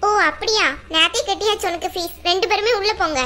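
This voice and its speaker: A woman voicing a stern woman college teacher in a cartoon, brisk and commanding. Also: very high voice, pushed and bright, a little hiss or hum. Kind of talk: cartoon dub acting.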